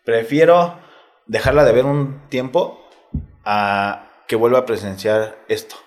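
A man's voice: medium pitch, slow pace. A man with a Mexico City accent, a guest in a casual interview, telling a personal story candidly and in slang, step by step. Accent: Mexico City Spanish. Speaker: interview guest, retired footballer.

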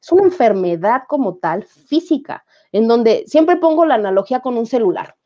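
Woman, Mexican accent, 30s, guest, casual storytelling, acts out dialogue, mellow voice, slightly muffled sound. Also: a little high, moderate pace. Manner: animated, acts out quoted dialogue.

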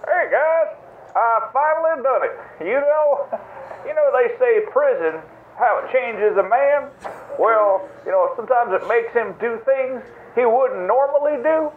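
A man's voice: very high-pitched, a little slow. A man playing a goofy, rambling prison inmate who leaves a message on a collect call from prison. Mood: goofy boastful. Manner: rambling, boastful, stammering. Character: goofy male prison inmate calling home. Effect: prison collect call over a phone line. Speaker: caller. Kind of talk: comic voicemail bit. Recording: tinny echoey noisy phone line.

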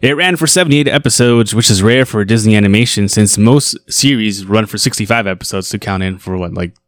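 A man's voice: fairly low pitch, fairly quick, no echo. A man co-hosting a podcast in a casual, rambling chat, swearing freely. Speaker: podcast co-host.

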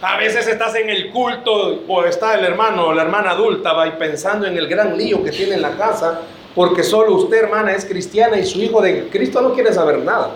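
A man's voice: high voice, fairly quick, echoey room, a little hiss or hum. A man preaching a sermon to his church, joking and calling his listeners brother.

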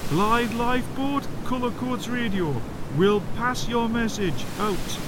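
A man playing a high-voiced coast radio operator. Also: slow. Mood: brisk. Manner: clipped radio procedure. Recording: background hiss and rumble.

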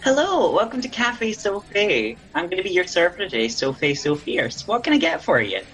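A podcast host running an improvised comedy interview in the guise of a café server. The delivery is deadpan and teasing. The pitch sits mid-range. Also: moderate pace, rough recording.

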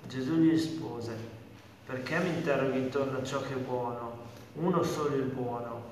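A man reading scripture aloud in a slow, measured way. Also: mid-range voice, a bit bright, slight background noise. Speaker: scripture reader. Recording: distant mic in an echoey hall.

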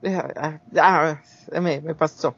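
A guest in his forties from Guatemala, speaking with a Guatemalan Spanish accent, tells personal stories in a loose, rambling way, restarting often and acting out quotes. His voice sits on the high side with a steady tone and a slow pace. The recording is dull and lo-fi.

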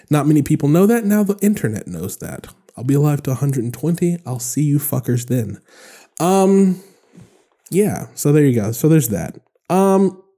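A man's voice: mid-range voice, mellow. A man in his thirties hosting a solo podcast, rambling and joking in casual chat with lots of fillers. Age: 30s. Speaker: podcast host.

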